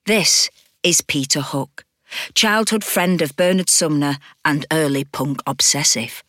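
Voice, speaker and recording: A woman giving scripted documentary narration in a measured, deliberate way. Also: sits low, a bit bright, no room sound, studio quality.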